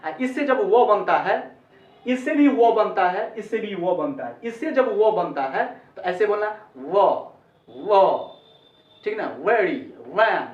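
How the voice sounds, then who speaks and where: A man's voice: sits high, expressive, unhurried, a little mellow. A man teaching English pronunciation in a lesson, repeating each sound several times and calling the viewers friends. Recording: echoey, distant, dull lo-fi sound.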